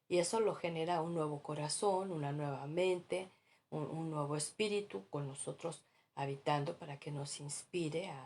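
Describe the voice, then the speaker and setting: A woman's voice: low voice, darkish tone, slightly rough. A woman pastor preaching a sermon in an earnest, exhorting way, at times dropping to a near-whisper.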